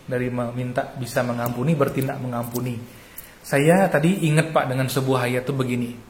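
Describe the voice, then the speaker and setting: Pastor host listening with soft affirmations. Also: male voice, medium pitch, fairly even intonation, fairly quick. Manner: attentive, frequent murmured affirmations. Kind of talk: interviewing a guest. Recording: echoey room with faint ambient noise.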